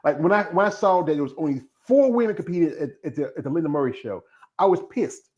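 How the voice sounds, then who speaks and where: A man's voice: a little high, lively intonation, fast, a little mellow, lo-fi sound. A man in his fifties hosting a live stream, chatting casually and drifting from one tangent to the next. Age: 50s. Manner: rambling, jumps between tangents. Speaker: host of a bodybuilding live stream.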